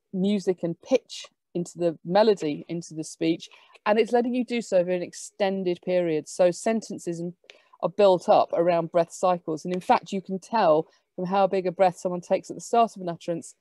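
A woman giving an academic lecture, explaining lively with quick asides. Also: lowish voice, no echo.

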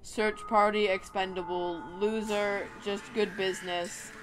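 Excitable woman streamer chatting mid-game. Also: medium pitch, slight background noise. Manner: excitable, quick bursts, giggly. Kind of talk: casual chat while gaming.

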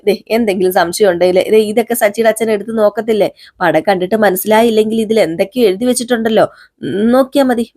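A woman chattily recaps an episode of a TV serial, quoting the characters in her own voice and often dropping "ട്ടോ" fillers. Her mid-range voice has a darkish tone, recorded at studio quality with no room sound.

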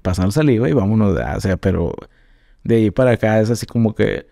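A young adult man with a northern Mexican accent, a podcast guest telling stories in a relaxed, slangy way and laughing often. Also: fairly low pitch, quick pace, gravelly, no room sound, studio quality. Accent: northern Mexican (Monterrey). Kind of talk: casual chat.

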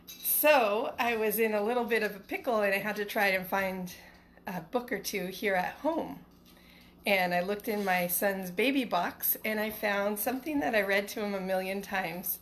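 This elementary school teacher, a middle-aged woman, is doing storytime at home: casual livestream chat plus a picture-book read-aloud for kids. She speaks at medium pitch and normal speed, sounding a bit bright. The audio comes from a phone at arm's length indoors in a small living room, with some background noise.

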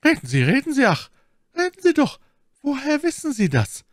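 A man's voice: sits high, lively intonation, moderate pace, creaky, dry recording, clean studio sound, pitched above the performer's own voice. A man reading an audiobook, voicing a cunning, vengeful noblewoman in a raised, coaxing voice. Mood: urgent. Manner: coaxing, imperious. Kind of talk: audiobook character voice.

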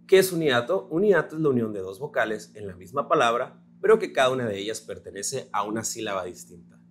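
A patient man with a Mexican accent teaches a recorded grammar lesson at a mid pitch, breaking words into syllables one at a time. A faint hum sits under his voice. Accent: Mexican Spanish. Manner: slow, patient, spells out syllables.

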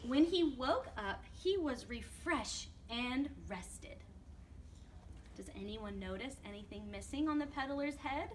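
Slow, sing-song storytime woman. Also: sits high, slight background noise. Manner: slow, expressive, asking children questions. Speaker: children's librarian. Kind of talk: preschool storytime read-aloud.

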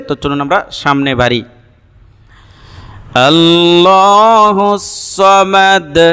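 A Bangladeshi man teaching correct Quran pronunciation, explaining slowly and deliberately and drawing out the Arabic sounds. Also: on the high side, a bit bright, clean tone, long reverb tail. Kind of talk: Quran pronunciation lesson with chanted recitation.

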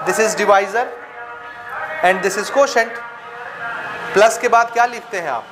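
A man teaching a maths lesson with a Chhattisgarh Hindi accent, often asking if students follow and dictating English terms slowly. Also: high-pitched, music in the background. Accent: Hindi-speaking Chhattisgarh. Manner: checks understanding with frequent rhetorical questions. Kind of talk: classroom lecture.

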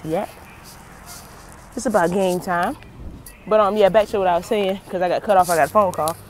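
A woman's voice: on the low side, steady tone, a little fast, a little mellow. Woman vlogging on her phone walking outside at night, folksy and chatty, kinda winded, faint car noise around. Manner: chatty, folksy, talks straight to viewers with slang. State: out of breath while walking. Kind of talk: casual vlog talk to camera. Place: outdoors, walking near traffic at night. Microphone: handheld phone. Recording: faint outdoor traffic noise.

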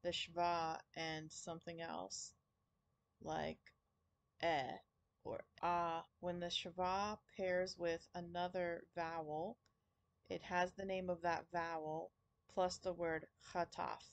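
A woman teaching Hebrew vowels in a recorded lesson, sounding out each vowel slowly and carefully. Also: fairly low pitch, little pitch movement, no echo.

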